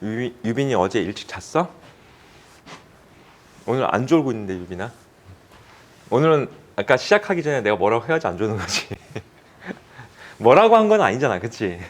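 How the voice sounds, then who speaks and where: Male cram-school math tutor, casual and teasing, animated delivery. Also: medium pitch, normal speed, pauses often. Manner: chatty, teasing students, casual speech. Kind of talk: classroom lecture with banter.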